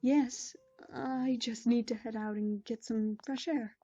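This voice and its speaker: A woman voicing a gentle, motherly pony princess who speaks calmly and patiently. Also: a little high, takes it slowly, dull audio, faint music behind. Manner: calm, patient and kind.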